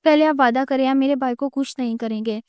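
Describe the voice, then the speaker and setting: A defiant young bride in a spoken romance story, as a woman reads her part. She speaks firmly and pleads. The voice sounds smooth and close, with a dry sound. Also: high-pitched, darkish tone, no echo, lightly acted.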